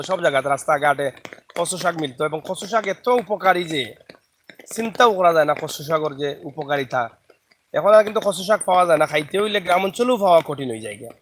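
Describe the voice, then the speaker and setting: Chatty Sylheti-accented man filming outdoors. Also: fairly high pitch. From Bangladesh. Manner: chatty, greets viewers by name. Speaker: vlogger. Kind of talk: live video chat while filming outdoors. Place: riverside village outdoors.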